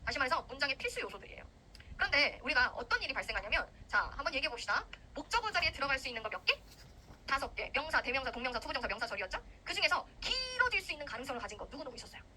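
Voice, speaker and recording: Young woman, grammar lecturer: high, fast and animated, acts out her examples. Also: slight background noise, low-quality recording. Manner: lively, animated, acts out grammar parts in quarrelling voices. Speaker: English grammar teacher for civil service exam students. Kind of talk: recorded lecture.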